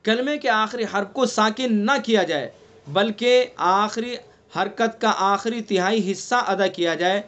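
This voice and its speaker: High-voiced man teaching Quran recitation. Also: fairly bright tone, lo-fi sound. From India. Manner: explains slowly, repeats terms, quizzes students with questions. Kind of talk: online tajweed class. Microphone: online class recording.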